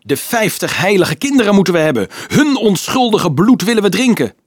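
A man voicing a small, menacing horned devil who screeches threatening demands in a husky voice. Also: sits high, big pitch swings, brisk, dry recording, studio quality, voice pushed up, full character voice. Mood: menacing shriek.

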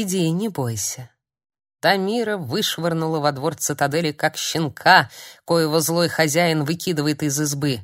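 A woman narrating a fantasy audiobook in a steady storytelling manner. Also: deep voice, no room sound, clean studio sound.

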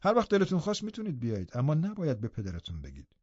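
A man voicing a bitter, scheming middle-aged man in an audiobook, speaking in a low, muttering, sardonic manner. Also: huge pitch swings, darkish tone, breathy edge, no room sound, full character voice. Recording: dull, dry audiobook recording.

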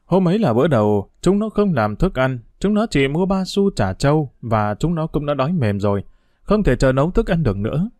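A man narrating a storybook in a steady, measured reading voice. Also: a little high, dry recording.

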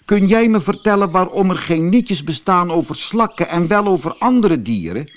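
A man's voice: sits high, big pitch swings, moderate pace, pitched above the performer's own voice. A man voicing a lonely, sad male snail without a shell, in a plaintive, sighing storybook voice. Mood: earnest.

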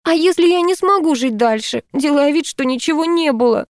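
A woman reading an audiobook puts on a heartbroken young woman with a thin, high whimper that keeps rising into a plaintive squeak. The delivery is close and dry, with no room sound around it. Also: expressive, brisk, no room sound. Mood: sobbing. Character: tearful young woman, ashamed and distraught. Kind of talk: audiobook character voice.

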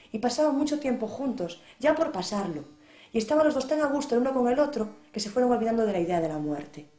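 Woman storyteller from Portugal, quick and high, dramatic, echoey room. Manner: lively, dramatic. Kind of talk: oral storytelling.

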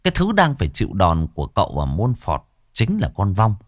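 A man's voice: fairly low pitch, huge pitch swings, a little fast, dry recording, studio quality. A man narrating a ghost story in a dramatic, vivid manner.

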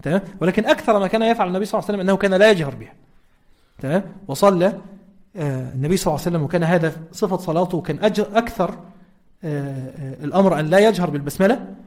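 A man's voice: high-pitched, very fast, darkish tone. A man with an Egyptian accent giving a conversational Quran lesson and checking in with his listeners through rhetorical questions. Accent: Egyptian Arabic. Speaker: religious teacher.

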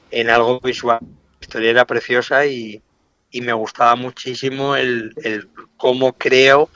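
A man's voice: mid-range voice, sharp tone, smooth, no echo. A man speaking as an interview guest, earnest and rambling with restarts. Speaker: audiovisual collaborator, guest on the phone. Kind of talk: casual interview talk.

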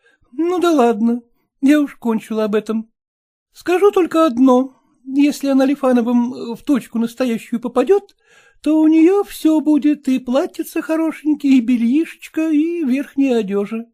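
A man voicing a sly, coaxing housekeeper woman in a chattering falsetto for an audiobook. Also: moderate pace, warm tone. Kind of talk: audiobook character voice.

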